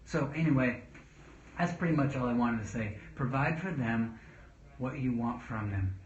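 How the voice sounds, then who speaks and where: A man in his thirties, a father giving casual parenting talk to camera, earnest and rambling, pausing to read viewer questions. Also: medium pitch, lively intonation. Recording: echoey room, dull lo-fi sound.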